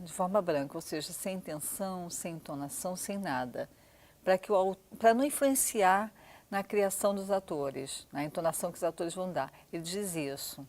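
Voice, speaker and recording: A woman's voice: on the low side, a little mellow. Thoughtful woman theater director. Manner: thoughtful, explanatory, with frequent restarts. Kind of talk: documentary interview.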